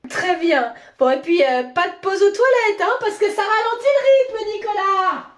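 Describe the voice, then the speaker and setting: Woman playing a shrill, nosy office coworker, accusing and fussy. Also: expressive, normal speed. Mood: nagging. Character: nitpicking bossy female office coworker. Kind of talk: comedy sketch acting.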